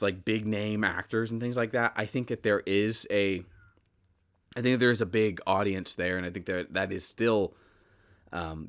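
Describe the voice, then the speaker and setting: Low-voiced man rambling on a podcast. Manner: rambling, earnest, many restarts and fillers. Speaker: podcast host. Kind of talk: casual solo podcast talk.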